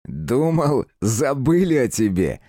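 A man's voice: mid-range voice, sing-song, takes it slowly, dark tone, no echo, pitched above the performer's own voice. A man voicing a cocky teenage schoolyard bully who mocks and bosses his victim, in a dry, close recording. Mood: taunting. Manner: mocking, bossy.

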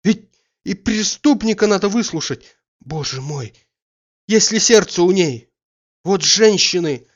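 A man voicing an anxious, excitable nobleman who pleads in a rising, agitated voice. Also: mid-range voice, unhurried, highs cut off, close to an everyday voice. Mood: pleading.

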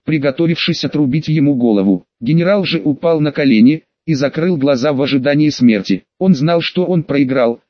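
Male audiobook narrator, steady reading, a touch high, dry slightly dull recording. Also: brisk, few pauses, dry recording. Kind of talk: scripted narration.

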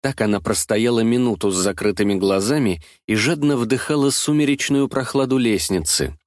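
A man narrating a literary audiobook in a measured, dramatic reading. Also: fairly low pitch, animated, dry recording, clean studio sound.

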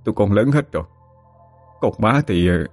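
A man's voice: on the low side, lively intonation, moderate pace, darkish tone, soft background music. A man voicing a sniffling, earnest grown child with a Southern Vietnamese accent.

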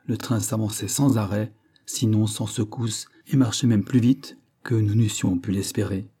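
A man narrating a classic adventure novel as an audiobook, in a steady, measured storytelling manner. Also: fairly low pitch, slightly rough.

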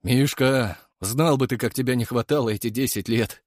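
A man's voice: medium pitch, normal speed, no room sound, clean studio sound, natural voice. A man doing a weary, hulking bald bruiser. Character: huge bald brute of a man, weary yet fierce.

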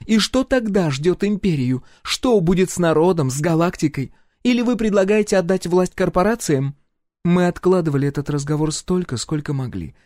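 A man's voice: on the high side, dark tone, dry recording, studio quality, pitched above the performer's own voice, lightly acted. Man voicing a commanding imperious empress. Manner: insistent, commanding, coolly polite. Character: proud imperious empress, middle-aged woman.

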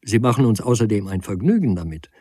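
Male reader doing playful hostess, raised pitch, mellow husky tone. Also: animated, fast, no echo, clean studio sound. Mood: coaxing. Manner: teasing, bubbly. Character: lively chatty hostess, teasing woman.

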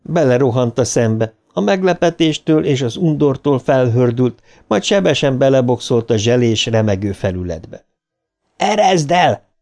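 A man reading a horror novel aloud as an audiobook narrator, with dramatic lifts of pitch at tense moments. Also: expressive, warm tone.

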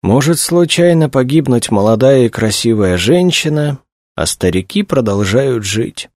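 A man's voice: fairly low pitch, very animated, moderate pace, dry recording, clean studio sound, voice pushed up. Man doing a plaintive fussy official. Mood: lamenting. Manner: plaintive, exclaiming. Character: fussy, lamenting older male official.

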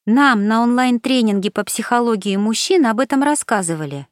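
A woman's voice: a little high, expressive, moderate pace, dry recording. Woman narrating an audiobook, dry sound.

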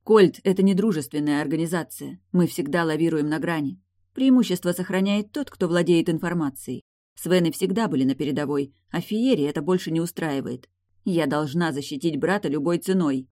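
A woman voicing a furious, sharp-tongued woman on prosthetic legs who shouts and snaps, in an audiobook. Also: sits low, brisk, no room sound, clean studio sound, lightly acted. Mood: curt. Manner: shouting, snapping.

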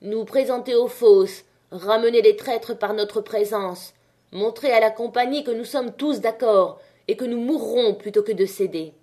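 A woman voicing a male miner who leads a strike, addressing a crowd with rousing, forceful speech in an audiobook reading. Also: on the high side, measured pace, lightly acted. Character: male miner, strike leader, fiery orator.

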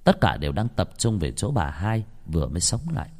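A man narrating a scripted horror story, dramatic and expressive. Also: low-pitched, a little fast, vocal fry. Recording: long hall reverb.

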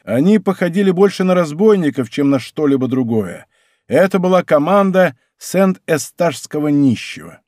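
A male audiobook narrator reads expressively in a fairly high voice at a moderate pace. The recording is dry and studio quality.

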